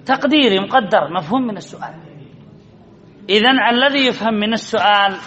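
A man teaching a grammar lesson, who asks questions and answers them himself and repeats key phrases slowly. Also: sits high, sharp tone. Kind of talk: classroom lecture, repetitive question and answer. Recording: dull lo-fi recording.

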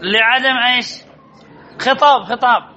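A man's voice: very high-pitched, measured pace, sharp tone, some chatter behind. A man teaching Arabic grammar in a classroom, quizzing students and repeating key answers as drills, on a dull lo-fi recording. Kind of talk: classroom lesson with questions to students.

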